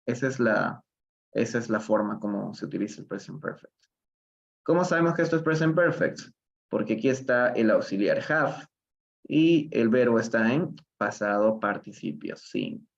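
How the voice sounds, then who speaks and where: A man's voice: mid-range voice, animated, moderate pace, gravelly, muffled recording. A man from Peru teaching English in a live online reading lesson, patiently explaining step by step and switching between Spanish and English.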